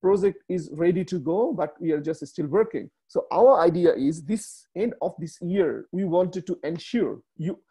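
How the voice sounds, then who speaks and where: Over a video call, a webinar speaker, a Bangladeshi man in his thirties and native Bengali speaker, takes viewers through slides with a Bangladeshi accent from a small room. Frequent fillers and restarts leave his speech halting. He has a high, mellow voice with a breathy edge.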